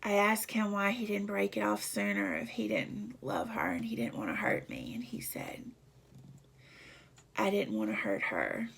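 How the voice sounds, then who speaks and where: A woman vlogger telling a personal story in a halting, emotional way, often dropping to a near whisper. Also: medium pitch, huge pitch swings, vocal fry, fairly bright tone, husky.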